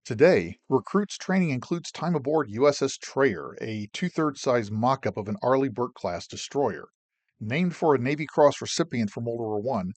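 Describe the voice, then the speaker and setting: A man's voice: medium pitch, a little mellow, no echo. A man hosting a show and narrating his own memories in a plain-spoken, wry way, mixing history and personal story. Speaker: podcast host and narrator.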